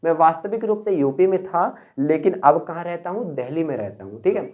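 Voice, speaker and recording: A man from Uttar Pradesh, India, giving a spoken English lesson. He explains step by step and slows down to model each phrase. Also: on the high side, expressive. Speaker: English teacher. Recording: tinny phone-like sound.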